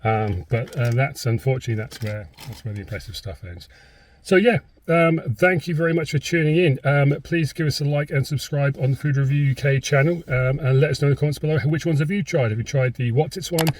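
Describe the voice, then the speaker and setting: A British man with a slightly husky voice gives a casual, rambling food review to camera, hesitating as he goes, recorded inside a car. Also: medium pitch, brisk, a little mellow, slight background noise.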